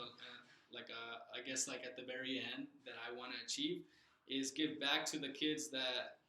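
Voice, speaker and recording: Young male interviewee, earnest, halting with fillers, bright voice, echoey room. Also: mid-range voice. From Southern California. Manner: earnest, many fillers and restarts. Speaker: loan officer guest. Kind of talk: casual interview.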